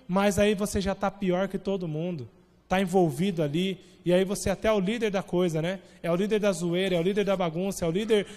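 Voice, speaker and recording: A young Brazilian man preaching a sermon as pastor, talking in a loose, conversational way and tagging his lines with quick asides. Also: high voice. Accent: Brazilian Portuguese. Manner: conversational, animated preaching with frequent "né?". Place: church sanctuary. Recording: long hall reverb.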